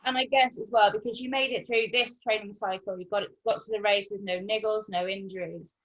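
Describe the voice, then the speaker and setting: Medium-pitched woman interviewing casually. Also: fairly even intonation, a little fast, fairly bright tone, dull audio. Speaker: interviewer, podcast host.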